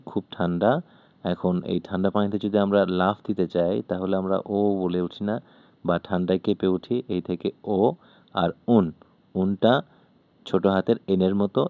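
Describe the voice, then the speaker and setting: A man with a low voice patiently teaches Japanese letters, explaining step by step while demonstrating how to write them. The audio has a phone-quality sound.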